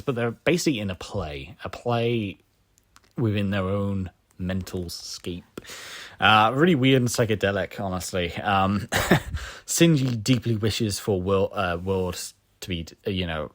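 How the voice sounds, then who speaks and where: Low-voiced man, rambling casual review. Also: no echo. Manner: rambling, filler-heavy, chuckling. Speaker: video reviewer.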